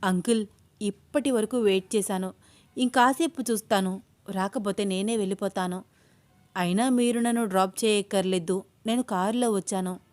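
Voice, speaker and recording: A woman's voice: mid-range voice, moderate pace, a little mellow, natural voice. A woman voicing a scheming, jealous young woman in a spoken storybook. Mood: polite.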